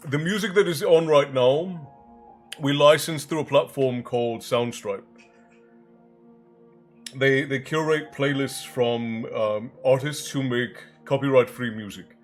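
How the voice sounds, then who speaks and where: Over soft background music, a man running a livestream chats and jokes with his audience, calling out viewers by name. His voice is a little high and a little slow. He sounds somewhat congested and lets out a bit of a chesty cough.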